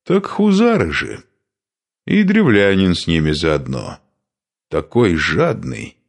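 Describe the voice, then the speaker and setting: A man voicing a suspicious, grumbling male warrior who insists in a low hushed voice. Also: wildly swooping pitch, unhurried, exaggerated voice. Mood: insistent. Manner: whispered, insistent.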